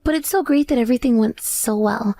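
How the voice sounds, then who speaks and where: A woman's voice: on the high side, brisk, creaky, mellow, no room sound. A woman playing a grateful, effusive accomplice in a dramatized story of revenge. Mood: grateful, elated. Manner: effusive, modest.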